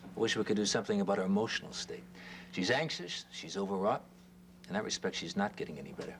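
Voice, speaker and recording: A man's voice: lowish voice, expressive, fast, slight background noise. An actor playing a concerned male doctor in a daytime soap, speaking earnestly and reasoning things through. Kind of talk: daytime soap opera acting.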